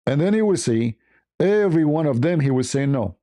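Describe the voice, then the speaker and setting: Hosting a livestream, a man with an Arabic accent delivers a blunt, off-the-cuff opinion monologue, repeating phrases for emphasis. His voice is fairly high and dark-toned, and he speaks in an animated way, a little fast.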